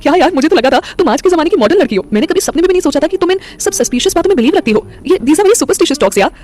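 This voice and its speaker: A woman's voice: high-pitched, expressive, very fast, darkish tone, pitched above the performer's own voice. A woman voicing a playful, caring young man in a romantic audio story. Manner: playful, joking.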